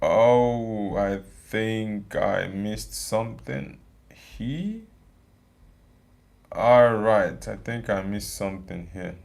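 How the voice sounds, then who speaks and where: In a lowish, slightly mellow voice with vocal fry, a young Nigerian watchalong streamer talks extremely slowly during a live football match. He reacts to the game and reads out viewers' comments, chatting casually and repeating phrases.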